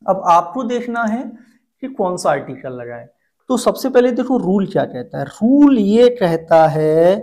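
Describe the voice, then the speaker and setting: A woman's voice: on the low side, mellow. A woman with a Hindi accent teaching an English grammar lesson, explaining step by step and asking questions back to the learner. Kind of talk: classroom-style grammar lesson.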